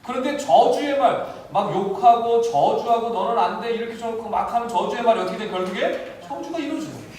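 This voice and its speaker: A male pastor preaching an animated sermon, acting out the voices of the people and of God, recorded from a distance in a church. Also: very high-pitched, fast, hardly any pauses. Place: church sanctuary. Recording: very echoey church hall, mic from a distance, faint noise.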